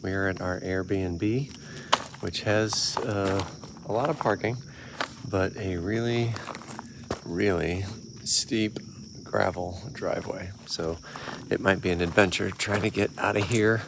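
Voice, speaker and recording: A man casually narrating a road trip vlog, chatty and relaxed, with fillers and trailing pauses. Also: low voice. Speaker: car club member filming a road trip. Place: outdoors at a rental house, rivers and waterfalls. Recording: outdoor camera audio with clear background noise.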